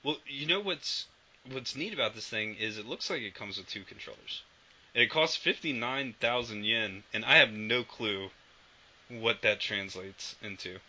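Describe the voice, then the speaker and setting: A man co-hosts a podcast in dull lo-fi audio with faint noise, his voice on the low side, pushed and bright, at a moderate pace. The chat is casual, and he rambles and swears freely.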